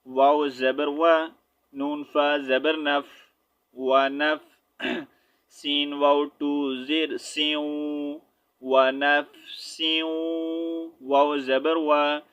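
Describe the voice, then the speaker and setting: A man with a smooth, clear, slightly high voice teaches recitation, spelling out each letter slowly and drawing out the verses. His delivery stays level and even throughout. The recording is dull and lo-fi. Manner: quick, patient explanations between recitations. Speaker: Quran teacher. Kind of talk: tajweed lesson, spelling and reciting.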